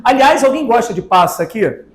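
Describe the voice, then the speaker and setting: A man with an extremely high-pitched, very animated voice speaks fairly quickly, giving a spiritist talk with a Brazilian Portuguese accent. Before an audience in a spiritist center's echoing hall, he asks rhetorical questions and stretches out words to stress them.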